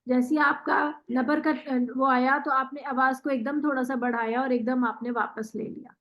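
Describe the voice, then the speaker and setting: A woman teaching Quran recitation in an online class, patiently modelling words slowly and praising the student. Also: sits high, steady tone, dull audio. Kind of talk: online tajweed lesson.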